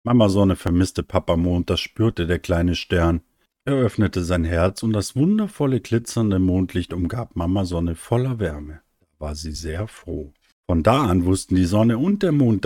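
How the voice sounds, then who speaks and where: Gentle low-voiced male storyteller. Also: no room sound, studio quality. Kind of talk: bedtime story reading.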